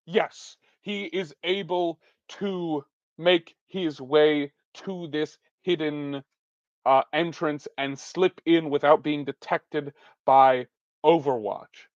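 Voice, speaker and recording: Acting as game master for a solo tabletop game, a man with a slightly high voice narrates while musing aloud and poking fun at himself. The recording is dull and dry, with no echo.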